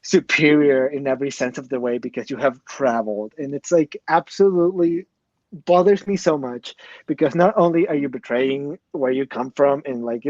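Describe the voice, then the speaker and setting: A man's voice: mid-range voice, a little mellow, no room sound. A man vents on a casual podcast, exasperated and worked up. His mid-range voice comes through a dull, muffled mic with no room sound at all. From Mexico. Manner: exasperated, quick rant with laughs. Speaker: podcast co-host.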